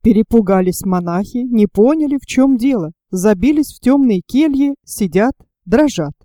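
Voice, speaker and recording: A woman narrating a historical storybook tale in a slow, deliberate manner. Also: fairly high pitch, animated, dark tone, no room sound, clean studio sound.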